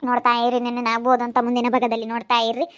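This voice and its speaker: A woman's voice: fairly high pitch, monotone, rapid-fire, fairly bright tone, muffled recording. A woman vlogger with a rural Karnataka Kannada accent, chatting to viewers and repeatedly pleading for their support. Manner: pleading, repeats requests to subscribe.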